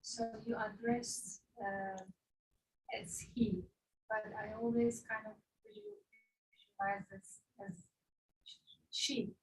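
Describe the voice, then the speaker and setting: A woman's voice: medium pitch, expressive, slow, pauses often. A woman in a meditation class asking the teacher a question, hesitating and searching for words. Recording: distant from the mic.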